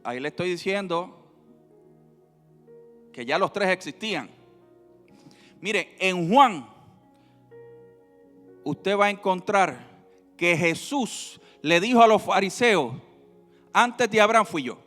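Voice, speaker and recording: A male pastor preaching a sermon, swinging between loud emphasis and quiet, drawn-out teaching. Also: high-pitched, animated. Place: church sanctuary. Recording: reverberant hall with faint music.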